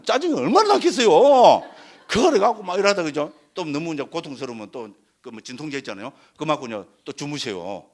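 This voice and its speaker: A man, a Buddhist monk giving a Dharma lecture in a conversational way, often asking the audience to agree. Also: fairly high pitch. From Korea, Gyeongsang region. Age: 60s. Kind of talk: Dharma lecture with personal story.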